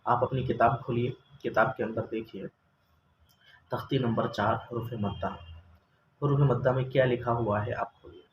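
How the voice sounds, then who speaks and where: A man's voice: medium pitch, steady tone, normal speed, highs cut off. Male Quran-reading teacher, patient and methodical, stretches out example sounds, echoey room, faint hiss. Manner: patient, asks questions then answers them, drawls example sounds. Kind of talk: step-by-step recorded lesson. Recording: roomy echo, faint ambient noise.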